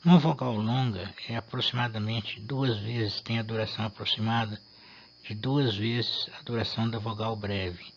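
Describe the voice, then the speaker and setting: A man, explaining a lesson in a measured way and pausing to rephrase himself. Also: fairly low pitch, fairly even intonation, breathy edge, dull audio. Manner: measured, with restarts and fillers. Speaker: Latin teacher.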